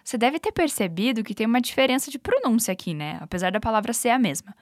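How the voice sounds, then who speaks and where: A woman with a Brazilian Portuguese accent, an upbeat, encouraging English teacher running clear repetition drills. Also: a little high, animated, fast, no room sound, clean studio sound. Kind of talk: language lesson with repetition drills.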